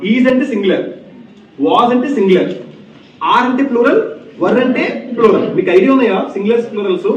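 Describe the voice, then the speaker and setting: A man's voice: very high-pitched, fast talker, a little hiss or hum. A male English grammar teacher in a classroom, repeating key points and firing questions at his students. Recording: echoey, distant, dull classroom recording.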